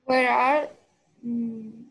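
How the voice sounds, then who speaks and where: A woman student in an online English class, answering hesitantly with pauses and fillers over a video call. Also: a little high, steady tone, slightly rough, poor audio.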